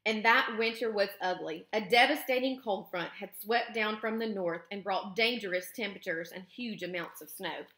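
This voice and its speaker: Bright-voiced woman reading a children's book. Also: medium pitch, moderate pace, hardly any pauses. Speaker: teacher reading aloud. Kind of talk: children's book read-aloud. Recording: roomy echo.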